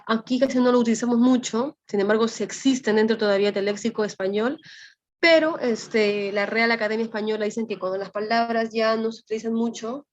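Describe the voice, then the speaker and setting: A woman's voice: medium pitch, slight background noise. Peruvian woman teaching a class online. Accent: Peruvian Spanish. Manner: explanatory, often adds "¿no?" as a check. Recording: slightly dull lo-fi audio.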